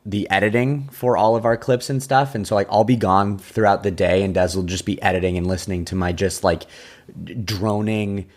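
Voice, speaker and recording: A man's voice: lowish voice, fairly even intonation, fairly quick, few pauses. A man co-hosting a casual sports podcast, dry and teasing, mostly answering with short replies. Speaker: podcast co-host.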